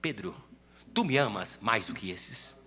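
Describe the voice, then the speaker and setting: A man voicing a gentle, patient master who asks his disciple a tender question. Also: fairly low pitch, expressive, a little slow, breathy edge, voice pushed down, full character voice.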